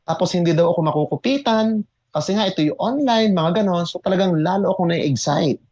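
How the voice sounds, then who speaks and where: A man who mentors in network marketing tells his own story to an online audience, excitable and emphatic, often repeating words and switching between Tagalog and English. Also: high-pitched, fairly quick, muffled recording. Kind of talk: motivational testimony to an online audience.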